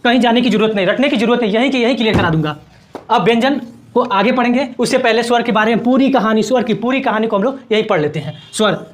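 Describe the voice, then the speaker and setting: A man teaching a grammar lesson at a board, asking questions and answering them himself and repeating each definition. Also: very high voice.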